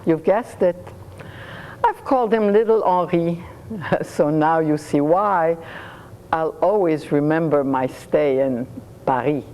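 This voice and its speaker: A woman storyteller reading her own stories in rhyming verse, lively and playful. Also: deep voice, slow pace, a little hiss or hum, poor audio.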